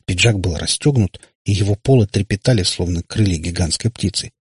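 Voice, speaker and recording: Casting: male storyteller, low, husky voice, dry close sound. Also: a little fast, dry recording. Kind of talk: audiobook narration.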